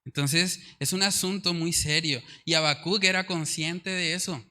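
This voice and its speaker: Preacher guy, earnest and emphatic, reads bible verses out, kinda high piercing voice. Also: fairly even intonation, normal speed, pushed and bright. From Colombia. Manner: earnest, emphatic, repeats key words. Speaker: pastor. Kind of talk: sermon with scripture reading.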